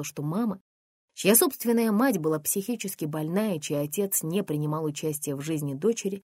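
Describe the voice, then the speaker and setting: A woman narrating a first-person memoir as an audiobook, in a quiet, restrained storytelling manner. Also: lowish voice, slightly rough, dry recording, studio quality.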